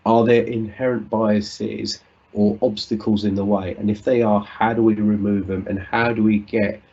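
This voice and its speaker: Over a video call, a conference speaker from the United Kingdom with a British English accent delivers a thoughtful, earnest talk, frequently starting sentences over. He speaks at normal speed in a lowish, level, warm voice, captured in dull audio.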